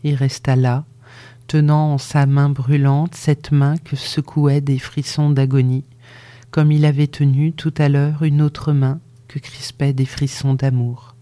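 A narrator reading a literary audiobook in a measured way, often dropping to a hushed whisper. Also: medium pitch, little pitch movement.

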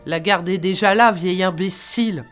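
A woman's voice: mid-range voice, expressive, measured pace, faint music behind, natural voice. A woman voicing a brusque male guard commander who speaks curtly and with scorn, in an audiobook reading. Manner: curt, scornful. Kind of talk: audiobook character voice.

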